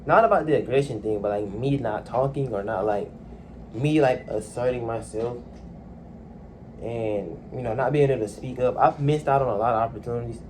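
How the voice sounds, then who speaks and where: A young adult man talks into his phone in a quiet room at home, his voice mid-pitched and soft-spoken. His casual personal monologue is hesitant, trailing off with many ums, over a faint hiss.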